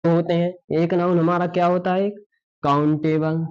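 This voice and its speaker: Male grammar teacher, high voice, repetitive classroom delivery, lo-fi recording. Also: level tone, normal speed, darkish tone, clear, resonant tone. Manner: repetitive, asks rhetorical questions and answers them himself. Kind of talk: classroom lesson explaining. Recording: dull lo-fi sound.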